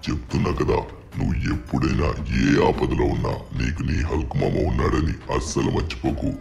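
Huge gravelly Hulk, cavern-deep and growling, faint music behind. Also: male voice, fairly quick, a little mellow, exaggerated voice. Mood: gruff. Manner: menacing boasting threats. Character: huge boastful male Hulk, grown man. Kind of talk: fan dub of game footage.

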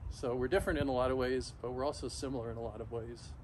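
A middle-aged man talking casually and haltingly to camera outdoors, shivering in ice-cold water, pausing often mid-thought. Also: medium pitch, steady tone, a little mellow. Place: backyard, outdoors, in an ice bath. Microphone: camera a few metres away. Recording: noisy outdoor recording, ambient hum.

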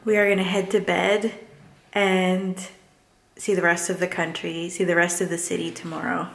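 A young woman chatting casually to a handheld camera as a travel vlogger, animated and quick to laugh. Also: on the low side, gravelly, soft background music, rough recording. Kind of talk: casual vlog narration to camera.

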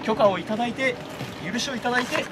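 A man's voice: extremely high pitch, fast talker, far from the mic. A man bantering casually in old-fashioned, emphatic Japanese warlord speech, as a costumed performer outdoors. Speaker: costumed samurai performer, host. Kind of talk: casual banter in archaic samurai-lord Japanese. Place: outdoors in a park under a large tree. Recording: noisy outdoor park, crowd and ambience.

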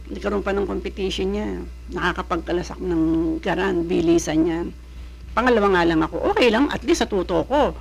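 A woman's voice: medium pitch, vocal fry. A woman from the Philippines who worked abroad, giving casual advice in a rambling way and often searching for words.

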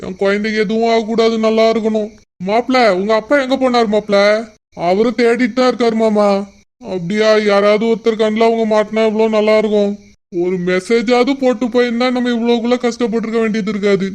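A man's voice: sits high, fairly even intonation, fairly quick, a little mellow, clean tone, close to an everyday voice. A man voicing a worried older father-in-law in a cartoon, lamenting his missing daughter. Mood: anxious. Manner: anxious, lamenting.

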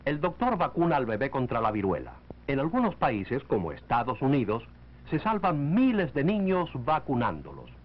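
This is a man narrating a 1940s instructional film, the old soundtrack sounding muffled and low-fidelity. His voice sits in the middle range yet rises and falls with animated energy. The script is read with a steady, teaching cadence.

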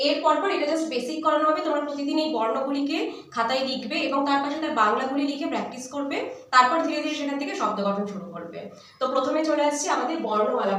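High-voiced woman teacher in an echoey room. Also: fairly bright tone, recorded from a distance. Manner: slow, patient, spells out each sound. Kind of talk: basic language lesson.

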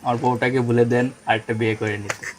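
A man's voice: medium pitch, flat delivery, fast talker, heavy background noise, close to an everyday voice. A man playing a pitiful dying man giving last words in a comedy sketch. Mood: mock-pitiful.

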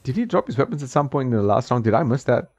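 Rapid-fire and full of big pitch swings, a man's medium-pitched, slightly mellow voice comes through a dry recording. He's a gaming channel host playing an old fighting game at home, casually chatting and laughing at the screen, with game music behind a slightly dull sound.

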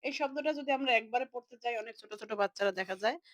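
A young woman teaching a lesson, slowly explaining and repeating words as she breaks them into parts. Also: a little high, no room sound, poor audio.

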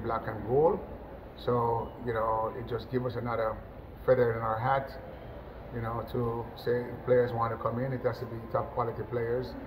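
A man's voice: medium pitch, background noise. Chatty man coaching a national team. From Jamaica. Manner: relaxed, conversational, many "you know" fillers and restarts. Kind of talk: post-match interview. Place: indoors, in front of a sponsor backdrop.

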